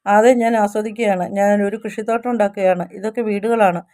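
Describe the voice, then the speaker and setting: A woman's voice: medium pitch, fairly even intonation, quick pace, a little mellow, lightly acted. A woman reading as an innocent little village boy. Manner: simple, guileless talk.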